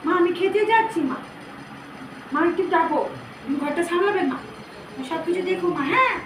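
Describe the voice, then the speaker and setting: Brief: woman as the goddess in trance, very high shrill voice, scolding devotees, echoey room, distant mic. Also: a little fast, noisy background. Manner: scolding, commanding, addresses listeners as child. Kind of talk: trance-like divine address.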